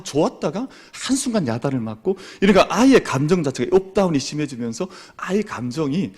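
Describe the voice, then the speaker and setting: A man's voice: mid-range voice, slightly rough. A male pastor preaching a sermon in a church, acting out what parents and children say. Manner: animated, acts out parents' and children's words. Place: church sanctuary.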